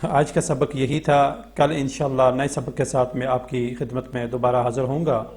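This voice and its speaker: A Pakistani man teaching Quran reading, spelling words out syllable by syllable in a slow chant and then explaining the rules quickly in Urdu-accented speech. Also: medium pitch, little pitch movement, darkish tone.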